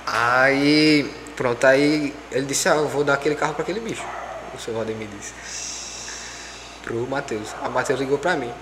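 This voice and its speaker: A young man telling a story in casual chat, animated and acting out quoted dialogue. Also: medium pitch, normal speed. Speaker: podcast guest. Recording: echoey room with faint background noise.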